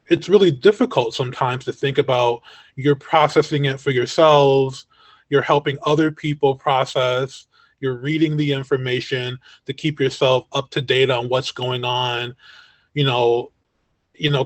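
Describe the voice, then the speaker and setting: A man's voice: medium pitch, dry recording. Man, moderator, reflective, affirming, video call, dry close sound. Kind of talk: panel discussion.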